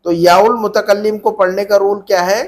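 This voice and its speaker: Here a man teaches an Arabic grammar class in a high, steady voice at normal speed. He patiently repeats questions and invites his students to respond, using call-and-response drilling.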